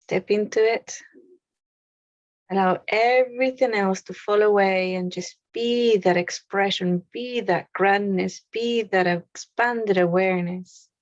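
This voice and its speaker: A woman leading a guided meditation in a soothing, unhurried way, with pauses between short phrases. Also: mid-range voice, steady tone, no echo, highs cut off.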